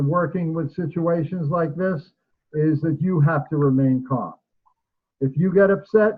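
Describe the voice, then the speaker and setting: A man teaching an online class in a relaxed, chatty way, laughing now and then. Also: on the high side. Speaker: instructor. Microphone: video call. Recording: tinny call audio.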